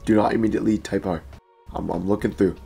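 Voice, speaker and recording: A man's voice: fairly low pitch, fairly even intonation, quick pace, vocal fry, warm tone, husky, faint music behind. A man leading his squad in casual gaming voice chat, giving orders and calling out enemy positions. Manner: directive, calls out positions and orders. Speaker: squad leader giving team calls.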